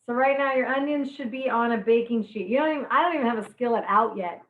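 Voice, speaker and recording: Here the teary-eyed cooking instructor speaks fast and fairly high, chatting brightly through her live online lesson while onions make her eyes stream. She giggles at her own jokes, and the sound is thin and tinny in an echoing room.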